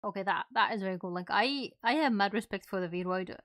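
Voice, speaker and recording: A woman's voice: mid-range voice, a little fast, fairly bright tone, dry recording, studio quality. A woman livestreaming as a host, chatting casually in a cute, bubbly anime-streamer manner. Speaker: VTuber art streamer, host.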